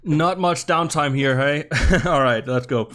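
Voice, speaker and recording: A man commentating a live-streamed game match, slightly out of breath, talking in halting bursts with many restarts and asides to his chat. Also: a little high, fairly bright tone. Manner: halting, many restarts and laughs, chats with viewers. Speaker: esports commentator.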